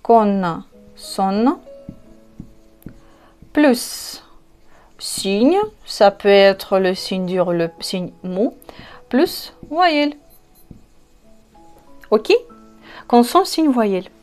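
A woman with a Russian accent, a native Russian speaker, teaching an online language lesson in a slow, patient way, spelling out letters and repeating each word. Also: medium pitch, a little mellow, soft background music.

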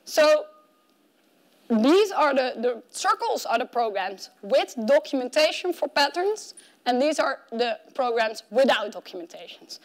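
Using a clip-on collar mic, a female keynote speaker at a tech conference explains research in a conversational talk, guiding listeners through studies. Her voice is high and animated yet a little slow, and she acts out objections she imagines the audience raising.

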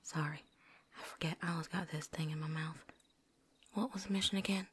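A woman's voice: low voice, steady tone, fairly quick, a little hiss or hum, lightly acted. A woman voicing a chatty, folksy veteran vampire hunter with a put-on drawl and casual slang, talking around something in her mouth, in a whispered role-play. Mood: chatty, wry.

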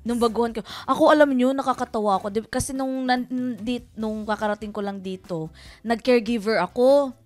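A woman from the Philippines, a radio co-host, telling stories in lively casual chat and laughing often. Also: fairly high pitch, fairly quick, soft background music. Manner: animated storytelling, laughing often.

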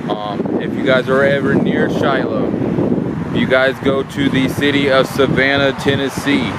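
A man in his thirties talks into a phone held at arm's length as he walks a roadside battlefield, with loud traffic and wind rushing behind him. His voice sits in a middling register with a flat, even delivery, and he stumbles along with plenty of "uh" and "um." It comes across as casual, unscripted history talk. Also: medium pitch. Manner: halting, many "uh" and "um" fillers, talking while walking. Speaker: history vlogger. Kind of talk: casual on-site explanation. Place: outdoors at a roadside battlefield site. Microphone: phone camera held at arm's length.

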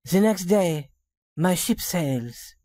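A woman voicing a young working woman who poses as a rich lady in a storybook reading, speaking softly and politely. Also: on the low side, animated, takes it slowly, no room sound, clean studio sound. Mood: refined. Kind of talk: storybook reading for English learners.

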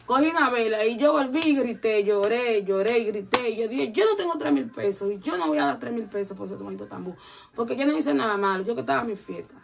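In a casual interview, a woman with a fairly high, gravelly voice tells a long story at a quick pace. She's animated and acts out the voices of the people she quotes.

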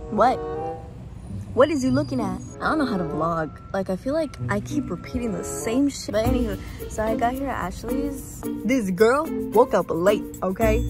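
A woman's voice: fairly high pitch, lively intonation, moderate pace, over music. A nineteen-year-old woman filming a casual, slangy vlog on a phone held at arm's length inside a car, laughing often. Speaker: vlogger. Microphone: phone camera held at arm's length.

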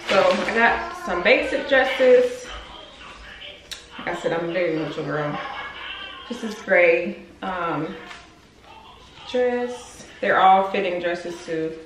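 In a room of a house under renovation, a young vlogger talks casually about her clothing haul, calling viewers y'all in a lowish, animated voice that moves slowly with frequent pauses. A camera on a desk in front of her captures roomy echo and clear background noise.

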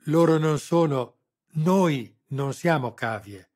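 A man's voice: lowish voice, fairly even intonation, moderate pace, breathy edge. A man voicing a captive woman journalist who fights back with desperate defiance. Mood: defiant.

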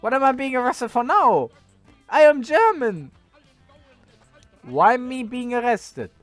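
Playful young man with wide-swinging pitch over music. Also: very animated, takes it slowly, fairly bright tone, no echo. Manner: giggly, playful, often repeating words. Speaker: gamer streamer. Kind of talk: casual gameplay commentary, bantering with other players. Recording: music in the background.

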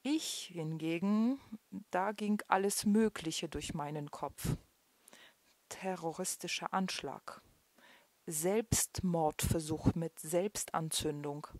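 Slow, dramatic woman storyteller. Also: mid-range voice, darkish tone, no room sound. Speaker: weight-loss coach. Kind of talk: storytelling and motivational talk.

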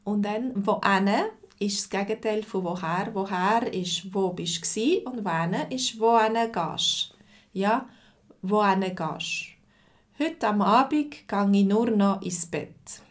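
A Swiss woman in her forties speaks with a Swiss German accent as she runs a live-streamed language lesson. She talks slowly and deliberately at a mid-range pitch. She pauses to answer viewers' comments by name with unhurried patience. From Switzerland. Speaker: language teacher.

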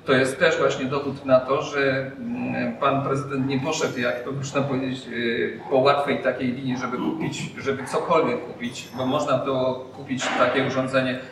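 A middle-aged man talks through a surgical mask, pausing often with filler sounds as he addresses a press gathering. He sounds far from the microphone in a very echoey room. Steady background noise sits under his voice. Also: mid-range voice. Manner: hesitant, many filler sounds. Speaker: hospital representative. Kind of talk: speech at a press event.

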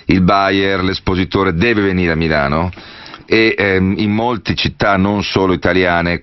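Man, radio host, very low voice, long rambling questions, dull lo-fi broadcast sound. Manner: long, winding questions with many asides. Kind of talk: radio interview.

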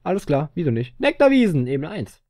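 A man's voice: medium pitch, expressive, moderate pace, mellow, no echo. A man casually commentating as he plays a video game, joking, mumbling and chatting to the screen. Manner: goofy, chatty, talks to the game. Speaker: let's player.

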